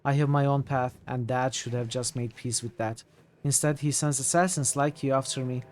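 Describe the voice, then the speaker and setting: A man's voice: medium pitch, fairly even intonation, normal speed, darkish tone, a little hiss or hum, close to an everyday voice. A man voicing a smug, teasing young female cult sorceress from a video game in a theatrical, mocking way. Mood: smug, defiant. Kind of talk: reading video game dialogue aloud. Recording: music behind the voice.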